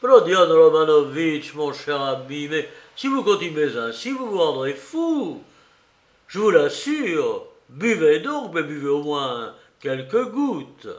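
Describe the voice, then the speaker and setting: A sly, fussy middle-aged magistrate, as a male audiobook reader puts him on, coaxing and fretting over his guest. He talks slowly in a somewhat raised voice. The sound carries a roomy echo. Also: fairly high pitch, vocal fry, fairly bright tone, pitched above the performer's own voice, exaggerated voice. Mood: fretful. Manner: coaxing, fretful fussing.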